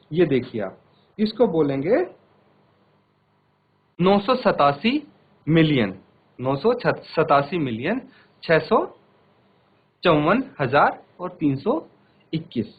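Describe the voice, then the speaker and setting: A man's voice: fairly high pitch, husky, phone-quality sound. A man teaching a televised maths class in Hindi-accented speech, patiently addressing children and repeating each step.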